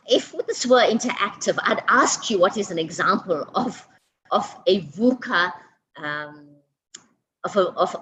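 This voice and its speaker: Fast-talking South African woman lecturing. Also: mid-range voice, a little hiss or hum, rough recording. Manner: fast-talking, repeats words and restarts, often adds "okay?". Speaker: webinar speaker. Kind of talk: online webinar lecture.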